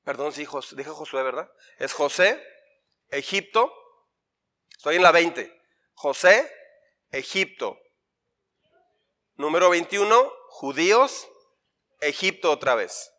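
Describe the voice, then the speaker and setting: Leading an interactive Bible workshop before his church congregation, a male pastor speaks playfully and drills listeners with repeated lists and questions. His voice is a little high with lively intonation and a sharp tone. He talks slowly, leaving long pauses.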